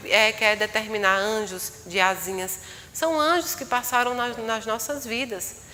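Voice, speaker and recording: A woman medium telling a story in a live talk, acting out the people in her story in a lively way. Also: high voice. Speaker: spiritual medium speaking live. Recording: long hall reverb.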